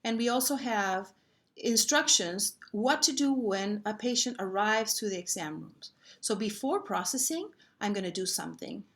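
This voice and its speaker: A woman presenting an instructional walkthrough of a software model, speaking haltingly with pauses in the middle of sentences. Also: medium pitch, animated. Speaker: presenter explaining a simulation model.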